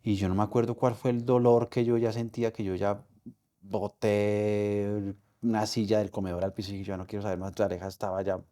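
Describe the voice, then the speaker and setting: A middle-aged Colombian man speaking as an interview guest, his voice low and mellow. He talks in a halting, emotional way, stopping and restarting often as he recounts things in a candid sit-down conversation. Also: flat delivery. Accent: Colombian Spanish.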